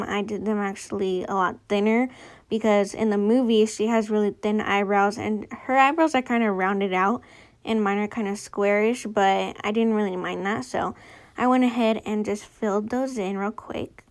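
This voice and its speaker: A woman narrates a makeup tutorial in a casual, informal way, chatting to viewers like a girlfriend. Her mid-range voice has fairly even intonation and a moderate pace, and a retainer gives her a noticeable lisp.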